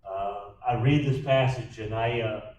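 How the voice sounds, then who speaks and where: Slow, emphatic pastor in an echoey room. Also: male voice, fairly low pitch, fairly even intonation, a little mellow, recorded from a distance. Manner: slow, emphatic, acts out quoted lines. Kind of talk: bible study teaching. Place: church room. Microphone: distant backup recording.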